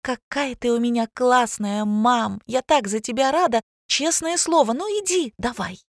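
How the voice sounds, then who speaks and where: A woman reading an audiobook voices an excitable young adult daughter who talks quickly and insistently. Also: medium pitch, dry recording, studio quality, close to an everyday voice. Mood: eager.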